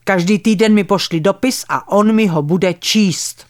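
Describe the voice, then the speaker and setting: A contemptuous old woman in her eighties who talks bluntly and confides in low, slow tones, as a woman reading a memoir puts her on. It is a dry, close storybook reading with a slightly lowered voice. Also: dry recording, close to an everyday voice. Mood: confiding.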